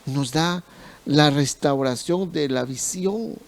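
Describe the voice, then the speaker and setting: A male pastor preaching a sermon slowly, repeating phrases for emphasis. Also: fairly high pitch.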